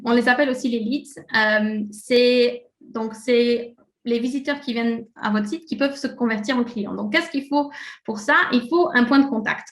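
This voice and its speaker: A woman with a French-speaking Swiss background leads a live online presentation in a relaxed, conversational way. Her voice sits a little high, and she scatters fillers through her sentences. The recording has a noticeably echoey room sound. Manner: casual and chatty, many fillers, laughs at slips. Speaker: presenter of a software webinar.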